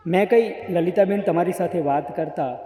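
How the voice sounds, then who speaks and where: A man's voice: sits high, moderate pace, dark tone, natural voice. A man voicing an earnest, slightly formal, bookish young man in a read-aloud novel. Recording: echoey hall with faint music.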